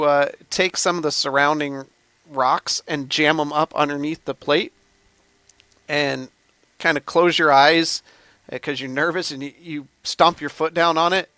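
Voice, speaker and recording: A male game master with a gravelly edge and a bright, forceful tone, pitched a little above most men. He sets each scene in a steady, descriptive flow, as if narrating for players around a table. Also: a little slow, no echo.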